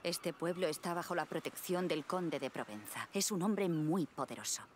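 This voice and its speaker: A woman playing a calm, caring mother in a medieval video game, composed and reassuring, with an accent from Spain. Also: on the low side, normal speed, slight background noise, close to an everyday voice.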